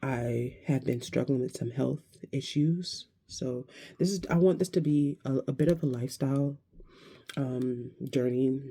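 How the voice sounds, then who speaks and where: A woman in her thirties talking to camera in a casual, reflective vlog, hesitant and searching, with many pauses and restarts. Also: a bass voice, dark tone, husky. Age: 30s. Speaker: vlogger.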